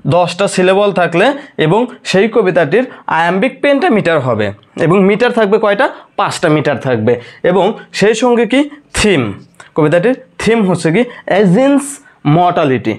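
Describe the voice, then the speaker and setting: High-voiced teacher drilling poetry terms. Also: male voice, very animated. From Bangladesh. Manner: repeats key terms slowly and quizzes the listener. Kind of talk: lecture on a poem for university students.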